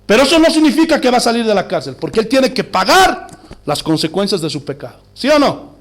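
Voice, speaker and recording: High-pitched, animated male preacher. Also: brisk. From Bolivia. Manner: preaching with rhetorical questions to the congregation. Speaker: pastor. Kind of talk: sermon.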